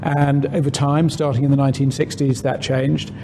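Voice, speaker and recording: A man speaks in a measured, reflective way, his voice carrying a clear gravelly edge. Noticeable background noise runs through this diplomat's recording. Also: medium pitch, little pitch movement, mellow. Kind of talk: interview answer. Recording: noisy recording.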